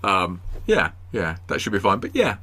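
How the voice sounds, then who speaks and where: A man's voice: sits low, huge pitch swings, moderate pace, pushed and bright, breathy edge. A man with an English accent in casual podcast chat, self-deprecating and dryly humorous. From England. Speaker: podcast co-host.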